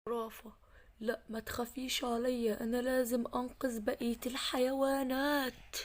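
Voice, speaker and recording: Woman plays brave protective male elephant, Egyptian accent, high-pitched, earnest and urgent. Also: little pitch movement, normal speed, lightly acted. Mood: reassuring. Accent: Egyptian Arabic. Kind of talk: storybook acting.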